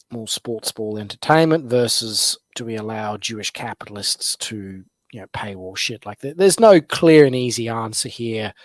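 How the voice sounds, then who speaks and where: A man's voice: mid-range voice, dry recording. A man co-hosting a podcast, rambling with wry, sarcastic asides and many fillers. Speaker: podcast co-host. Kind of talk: casual opinion chat.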